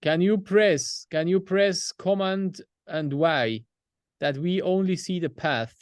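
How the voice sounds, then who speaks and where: A man's voice: high voice, slow pace, dry recording, studio quality. A man from Switzerland, a client giving direct, step-by-step feedback on a video call. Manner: direct, gives step-by-step instructions.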